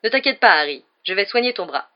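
A woman voicing a vain, overconfident adult male teacher in an audiobook reading, speaking loudly and with great self-assurance. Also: mid-range voice, lively intonation, brisk, lo-fi sound, lightly acted. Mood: pompous. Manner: loud, brassy and self-assured.

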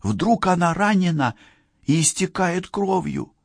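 A woman's voice: on the low side, lively intonation, unhurried, darkish tone, husky, no echo, clean studio sound, pitched above the performer's own voice, exaggerated voice. A man reading an audiobook, voicing a frightened female police partner who speaks in a trembling, pleading way. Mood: urgent whisper.

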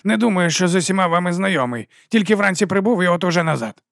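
A man's voice: high voice, expressive, quick pace, creaky, a bit bright, dry recording, studio quality, voice pushed up, exaggerated voice. A man voicing a cheery, self-important politician of nearly sixty. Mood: jovial.

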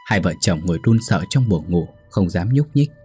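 A man narrating a ghost story in a steady, suspenseful way. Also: low-pitched, normal speed, husky, faint music behind.

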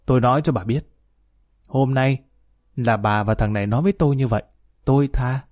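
A man's voice: medium pitch, fairly quick, darkish tone, no room sound, studio quality, natural voice. A man reading aloud and voicing a stern, wealthy father who scolds and threatens coldly in a storybook reading. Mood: cold scolding.

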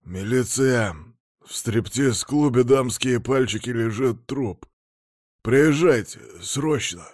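A man voicing a blunt, hoarse security chief reporting a body by phone. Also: mid-range voice, slow, no room sound, clean studio sound. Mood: urgent.

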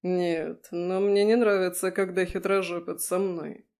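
A woman's voice: lowish voice, level tone, a little slow, darkish tone. A woman reading an audiobook, voicing a brash, teasing male werewolf lover with a crude, purring manner. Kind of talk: audiobook character voice.

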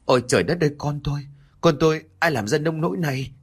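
A man's voice: a little high, fast, slightly rough, voice pushed up. A man voicing a grieving old mother who pleads, choked with sobs, for her dead daughter. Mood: grief-stricken.

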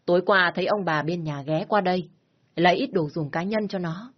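A woman's voice: lowish voice, a little fast, lo-fi sound, lightly acted. A woman voicing an older neighbor who passes on news in an offhand, chatty way. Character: older neighbor, blunt and matter-of-fact.

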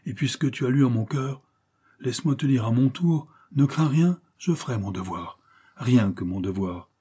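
A man voicing an impassioned young male avenger with a husky voice and declamatory delivery. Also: medium pitch, normal speed, warm tone, close to an everyday voice. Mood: fervent. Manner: declamatory, rising to vehement cries. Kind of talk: audiobook character reading.

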